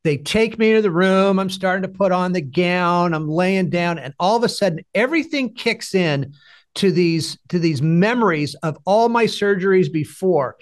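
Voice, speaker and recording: A male podcast host telling a story bluntly, with profanity and animated emphasis. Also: high-pitched, normal speed. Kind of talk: conversational podcast interview.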